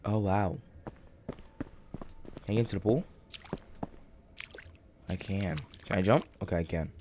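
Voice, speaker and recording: A young man with a groggy morning voice giving rambling, halting commentary while playing a game, full of fillers and restarts. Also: sits low, noisy background. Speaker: gaming channel host. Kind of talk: casual let's-play commentary.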